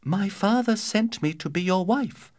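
A man's voice: high voice, expressive, a little slow, darkish tone, no echo, clean studio sound, voice pushed up. A man voicing a young nomad girl, the elder daughter, asking timid, plaintive questions in a raised voice.

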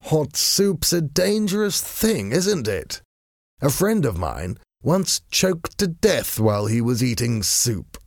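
A man voicing a smug, languid English gentleman hero who speaks with bored, mocking politeness. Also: mid-range voice, sing-song, slow, no echo, studio quality, pitched above the performer's own voice, exaggerated voice. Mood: languid, teasing.

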